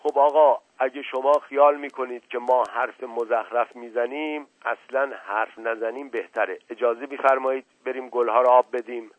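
A man's voice: medium pitch, fairly even intonation, no room sound, close to an everyday voice. A male narrator voicing an evasive, folksy old male servant who drags out his words, on a tinny lo-fi radio recording. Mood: stubborn. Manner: drawn-out rustic turns of phrase.

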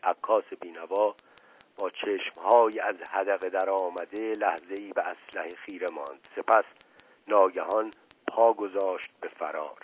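Male narrator reading a novel, husky, dry close sound. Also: low-pitched, fairly even intonation, dry recording. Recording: dull lo-fi radio recording.

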